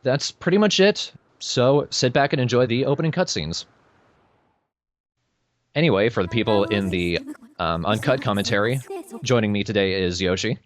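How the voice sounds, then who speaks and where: A man hosts a let's play, trading casual, dry commentary with a co-host and swearing freely. His voice is lowish and expressive at a moderate pace, with the game's soundtrack playing under it.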